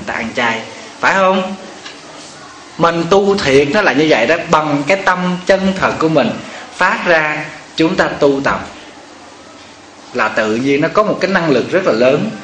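A male Buddhist monk with a Southern Vietnamese accent preaches in a homely, storytelling way, tossing rhetorical questions to his listeners. His voice sits a little high for a man. It echoes around the room, with faint noise behind. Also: a bit bright. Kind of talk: dharma talk.

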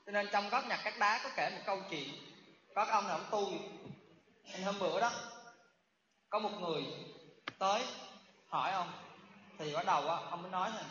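A man's voice: sits high, bright, forceful tone, slight background noise. A man giving a Buddhist dharma talk to lay followers, often asking the audience questions. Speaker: Buddhist monk teacher. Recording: echoey hall, dull sound.

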